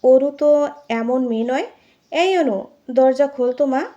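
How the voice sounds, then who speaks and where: An actress playing a worried, motherly aunt in an audio drama, coaxing softly. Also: high-pitched, a little slow. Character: caring aunt, gentle and worried. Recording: dull muffled lo-fi.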